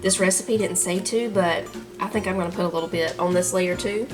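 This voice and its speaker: A woman's voice: lowish voice, steady tone, a little fast, music in the background. Chatty Southern woman vlogging her garden and kitchen. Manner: chatty and homey, laughs easily, talks to her animals. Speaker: home cook and gardener, channel host. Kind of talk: casual garden and cooking vlog.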